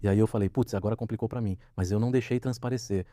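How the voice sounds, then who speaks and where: A man's voice: fairly low pitch, fairly even intonation, racing, warm tone, dry recording, studio quality. A man, a guest in an interview, recounts a personal story and acts out the quoted dialogue as he goes. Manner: vivid retelling, acting out quoted dialogue.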